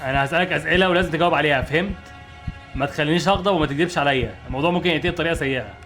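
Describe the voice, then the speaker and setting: A man's voice: a little high, very fast, a bit bright, faint music behind. A man voicing a suspicious, stern man who questions a stranger and threatens him, with an Egyptian Arabic accent.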